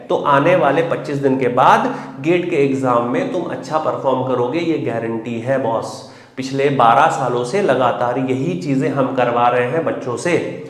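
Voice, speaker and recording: A man teaching a live exam-prep class, answering student questions in a lively, teasing way that swings from loud bursts to quiet asides. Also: mid-range voice. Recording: echoey room with long reverb.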